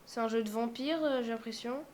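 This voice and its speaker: A young woman talks through a live reaction with a slightly high voice, filling pauses and thinking aloud. She sometimes drops to a whisper. A faint hiss sits under her voice. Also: darkish tone. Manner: musing aloud, many fillers, drops to whispers. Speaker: streamer reacting to a game showcase. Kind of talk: casual live reaction commentary.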